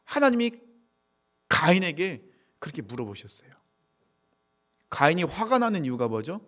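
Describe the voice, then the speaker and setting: A man preaching a sermon to high school students, asking questions and answering them himself, sometimes dropping to a whisper. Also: big pitch swings, normal speed. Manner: asks the audience questions and answers them, drops to a whisper on key points. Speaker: youth pastor.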